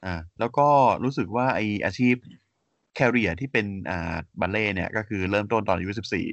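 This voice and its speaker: A man co-hosts a casual podcast chat, steadily reading out facts with frequent hesitant fillers and polite sentence endings. His fairly low voice is a little fast and fairly bright, recorded dry, and the audio is slightly dull and muffled.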